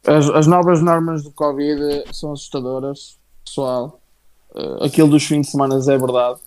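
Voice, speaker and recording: Guy with portugal accent, voice a bit on the high side, halting slangy casual live chat. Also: little pitch movement, darkish tone, rough recording. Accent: European Portuguese. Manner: halting, slangy, addresses listeners and co-host familiarly. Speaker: wrestling show co-host.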